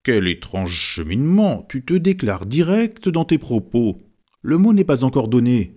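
A man's voice: medium pitch, a little slow. A man doing a joking, gallant husband. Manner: joking, flattering. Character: joking middle-aged husband, gallant and wry.

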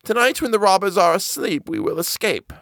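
A man doing a hushed old woman. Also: sits high, lively intonation, no room sound, clean studio sound, pitched above the performer's own voice. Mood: hushed urgent. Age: older. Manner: slow, pleading, hushed.

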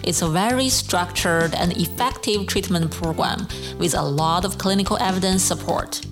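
A woman hosting a sleep podcast, introducing her guest in a clear, measured way. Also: fairly low pitch, music in the background. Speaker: podcast host and sleep therapist. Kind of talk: scripted intro then interview.

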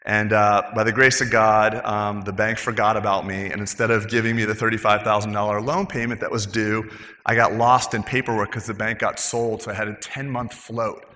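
Man, middle-aged, candid storyteller, forceful voice, hall reverb. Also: fairly low pitch, flat delivery, a little fast. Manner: candid, emotional, swears casually. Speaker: dentist, practice owner. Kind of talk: personal story told to a group.

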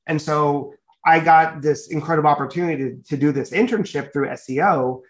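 A man's voice: fairly high pitch, fairly quick. A middle-aged man, raised in a Dominican family in the United States, answering interview questions earnestly and fluently, with many "you know" fillers. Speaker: guest, media company executive.

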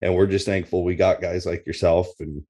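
A man's voice: low voice, level tone, fairly quick, warm tone. A man chatting casually as a podcast guest, in an easygoing, encouraging way. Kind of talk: casual chat.

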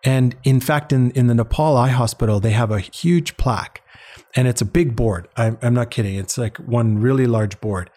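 At a moderate pace and in a mellow, mid-range voice, an interview guest recalls personal stories in a conversational, earnest and reflective tone, repeating words for emphasis. He heads an international eye-care charity and was born in Uganda before later living in Canada.

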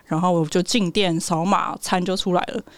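A young man with a Taiwanese Mandarin accent and a soft, cutesy lilt, talking casually as an interview guest. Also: sits high, fairly even intonation, brisk, dry recording. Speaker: guest, app startup founder.

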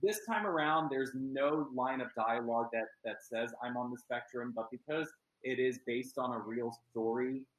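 A man's voice: medium pitch, moderate pace, fairly bright tone, echoey room, rough recording. A man from Pennsylvania talking as an actor in an interview, earnest and chatty with many ums. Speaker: actor and guest. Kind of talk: casual interview chat.

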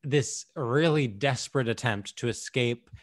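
A man's voice: medium pitch, unhurried. A man co-hosting a comedy podcast with a mid-range voice. He is wry and self-deprecating in easygoing chat. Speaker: podcast co-host.

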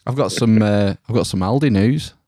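A man's voice: fairly low pitch, moderate pace, dark tone, dry recording, studio quality. A middle-aged man chatting casually as a comedic podcast co-host from inside a small trailer. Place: inside a caravan on holiday. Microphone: online call, close dry sound.

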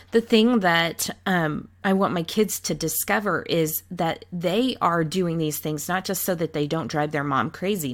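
A woman author answering interview questions in an earnest manner. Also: lowish voice. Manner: earnest, fluent with some restarts. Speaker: author guest.

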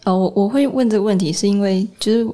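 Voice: medium pitch, fast talker, dark tone. A podcast guest talking in casual chat, hesitant and searching for words.

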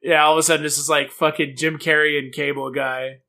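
A man's voice: a little high, little pitch movement, a little fast, gravelly, bright, forceful tone. A man co-hosting a podcast in casual comic chat, riffing with incredulity and some swearing. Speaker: podcast co-host. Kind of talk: casual comic chat about an old TV show.

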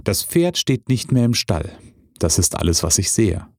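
Male narrator as a serene old farmer in a storybook, measured and unhurried, lowish voice, dry close sound. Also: big pitch swings, slightly rough, no room sound, exaggerated voice. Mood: calm.

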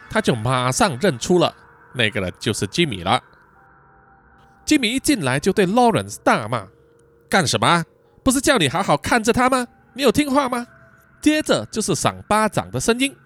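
A man's voice: a little high, a little hiss or hum. A man narrating a podcast thriller story in a dramatic storytelling manner. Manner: lively, dramatic storytelling with drawn-out particles. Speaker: storyteller host.

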